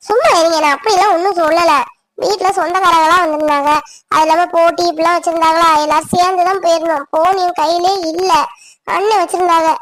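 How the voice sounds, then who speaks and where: A woman voicing a shy, pleading college girl. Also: very high-pitched. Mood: anxious. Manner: gentle, apologetic, pleading. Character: shy young female college student, timid and pleading. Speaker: cartoon voice actor. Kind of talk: animated village drama voicing.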